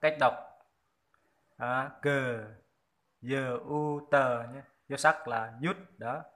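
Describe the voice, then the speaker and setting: A man gives a casual spoken language lesson. His voice is bright and forward, and he talks slowly. He repeats each word aloud again and again, with many hesitant fillers. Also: mid-range voice, steady tone. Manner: slow, repetitive, drilling words aloud with many fillers. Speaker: language tutor, channel owner.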